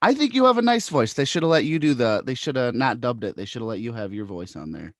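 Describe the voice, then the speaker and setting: A man's voice: medium pitch, very animated, fast talker, dry recording, clean studio sound. Easygoing male podcast host. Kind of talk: casual interview hosting.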